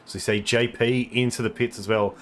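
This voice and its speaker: A man's voice: mid-range voice, fairly even intonation, brisk, a bit bright, a little hiss or hum. A man giving live race commentary, thinking aloud and explaining car details with frequent ums. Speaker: sim racing commentator.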